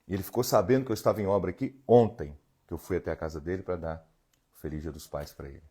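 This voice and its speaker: A man's voice: deep voice, fast, warm tone, husky. A man. He is an emotional healing therapist who talks earnestly and directly to viewers on a live stream from his home. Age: 40s. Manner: earnest, coaching, talks straight to the audience and reads their comments.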